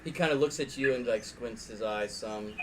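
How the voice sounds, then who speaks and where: A man working as game master, improvising narration for a tabletop fantasy game in a halting way. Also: mid-range voice, a bit bright, slight background noise. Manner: halting, repeats words as he improvises.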